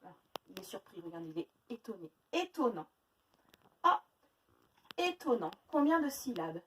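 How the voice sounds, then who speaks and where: A woman teaching a phonics lesson to young children, sounding out words slowly syllable by syllable. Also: medium pitch, very animated, fairly bright tone, far from the mic, poor audio. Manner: slow, exaggerated syllable-by-syllable pronunciation. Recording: faint noise, voice a little off-mic.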